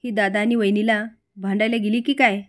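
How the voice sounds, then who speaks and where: A woman's voice: mid-range voice, fairly even intonation, brisk, close to an everyday voice. A woman voicing an exasperated middle-aged husband who scolds his quarrelsome wife. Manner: exasperated, reproachful.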